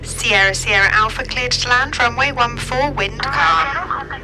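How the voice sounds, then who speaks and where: A woman voicing a calm control tower operator, heard over the cockpit radio and speaking in clipped, formal radio phrases. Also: a little high, unhurried, loud music behind the voice. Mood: routine. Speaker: air traffic controller.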